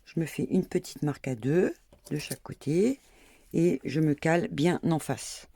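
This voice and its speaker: Middle-aged woman hosting a home sewing tutorial, husky and gravelly, talking while she works. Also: low-pitched, a little slow, mellow, no echo. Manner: chatty, self-mocking, talks while working with many "hop" and "voilà".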